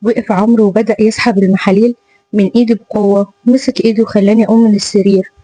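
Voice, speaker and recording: A woman's voice: mid-range voice, steady tone, racing, dark tone, low-quality recording. A woman with an Egyptian accent narrating a painful first-person story in an emotional way. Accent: Egyptian Arabic. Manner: emotional, pained retelling.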